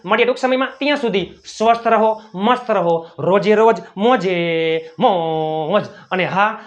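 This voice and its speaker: High-voiced man teaching English. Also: fairly bright tone, dull audio. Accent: Gujarati. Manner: drills phrases, repeats each one. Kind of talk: spoken English lesson in Gujarati.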